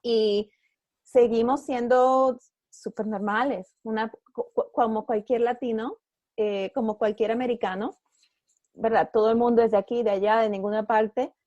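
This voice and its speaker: A woman's voice: fairly high pitch, fairly even intonation, normal speed, dark tone, dry recording. A woman, a podcast guest telling her story in a chatty way, often restarting sentences and slipping in English words. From Dominican Republic. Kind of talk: casual interview conversation. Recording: dry, slightly muffled recording.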